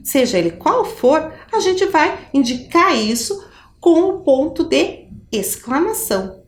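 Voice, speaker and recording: A Brazilian woman teaches a primary school lesson in a lively, sing-song voice that sits a little high. She stretches the key words for the children. The room around her sounds roomy and echoing. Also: takes it slowly. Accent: Brazilian Portuguese. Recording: roomy echo.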